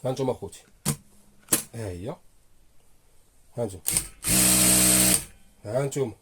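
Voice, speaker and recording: A man's voice: medium pitch, unhurried, very noisy. A man with a Moroccan Arabic accent, demonstrating a sewing machine in his workshop and talking to viewers as he sews. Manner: talks while sewing, repeats "here you go brothers". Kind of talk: casual product demonstration. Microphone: phone camera held close while working.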